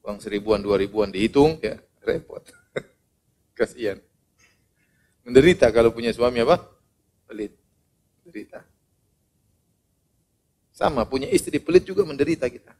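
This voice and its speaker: A man's voice: mid-range voice, normal speed, pauses often, slight background noise. A man preaching an Islamic sermon with humorous storytelling, acting out the voices of the people in his stories. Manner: animated, humorous, acts out quoted voices.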